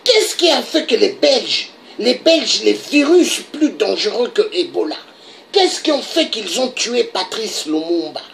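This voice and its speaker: Sitting in the mid range, her voice is sing-song and gravelly, a little slow, with a faint hiss or hum behind it. She is a Congolese political commentator in the middle of a heated monologue. Pressing her case emphatically, she keeps throwing in a rhetorical "hein?".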